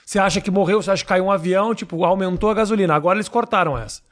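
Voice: medium pitch, rapid-fire. Um apresentador de entrevista descontraído, que faz perguntas em tom de conversa, brinca e solta palavrões. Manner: relaxed, joking, swears casually. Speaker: podcast host. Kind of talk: casual interview.

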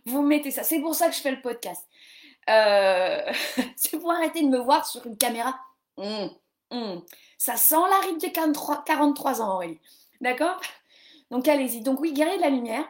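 Woman in her forties, live-stream host, chatty and self-mocking, a touch high-pitched. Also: animated, normal speed. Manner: rambling, self-mocking, many fillers and restarts. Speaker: podcast host doing a live reading session. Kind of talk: casual live-stream chat about reading.

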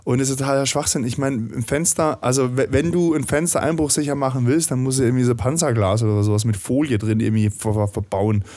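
A man's voice: medium pitch, fairly even intonation, fast, hardly any pauses, dark tone. A man co-hosting a casual podcast chat at his home desk, rambling, swearing and acting out the people he quotes. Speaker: podcast co-host. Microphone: desk microphone.

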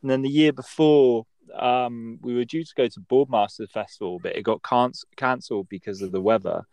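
A man's voice: medium pitch, normal speed, a little mellow, no room sound. A young man with a West Country English accent chatting casually and telling anecdotes in informal British slang. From West Country, England. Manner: informal British slang, dragged-out long A vowels. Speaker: podcast speaker.

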